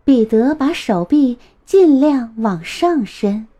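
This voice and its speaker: A woman in her thirties, host of a children's story channel, reading a picture book aloud in a tender, lively, sing-song way. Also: high-pitched, slow.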